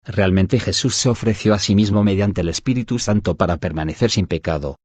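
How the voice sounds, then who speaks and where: Man, very low voice, scripted audiobook narration, steady measured delivery, dry sound. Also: breathy edge, no echo. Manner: even, measured reading that voices punctuation aloud.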